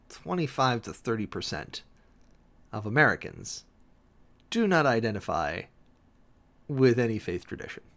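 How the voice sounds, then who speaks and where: With a medium-pitched, slightly bright voice, a man on a livestream, a preacher by calling, reads dramatically and comments closely on the text. His delivery is emphatic and theatrical, full of stretched-out words, sudden swells and dry, wry asides.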